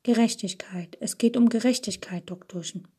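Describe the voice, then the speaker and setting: A woman's voice: medium pitch, moderate pace, dark tone, breathy edge. A woman voicing a threatening, fanatical male waiter holding a pistol, hard-edged and menacing.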